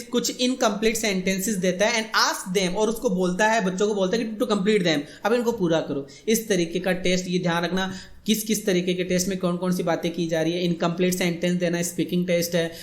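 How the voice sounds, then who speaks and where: A male teacher giving an exam-prep video lecture. He reads English text slowly and then explains it casually in Hindi, repeating points often. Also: high-pitched, steady tone. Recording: roomy echo.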